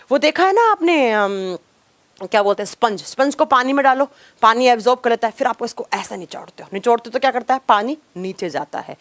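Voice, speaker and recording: A woman's voice: a little high, no echo. A young woman teacher, lecturing a live online class on biology, repeating key terms and sharply scolding impatient students.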